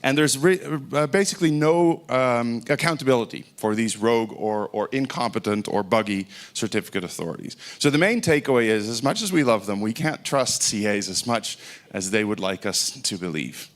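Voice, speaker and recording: Speaking English with an accent that sounds American, this middle-aged Dutch conference speaker delivers a casual technical talk from the stage. He talks at a moderate pace in an expressive, medium-pitched voice, often restarting and using fillers.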